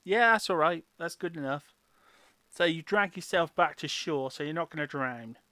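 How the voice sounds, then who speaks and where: A woman's voice: sits low, moderate pace, bright, forceful tone, dry recording. A woman running a tabletop game as game master, casually narrating and explaining rules.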